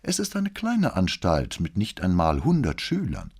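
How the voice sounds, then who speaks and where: A man voicing a calm, probing male police commissioner in an audiobook. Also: low-pitched, husky, heavily acted. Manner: calm, measured questioning.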